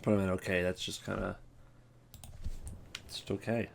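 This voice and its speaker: With a low, flat voice, vocal fry, and normal pacing, this male video creator ranks game voice lines over slight background noise. His commentary is casual and meandering, offhand, hesitant, and full of self-interruptions.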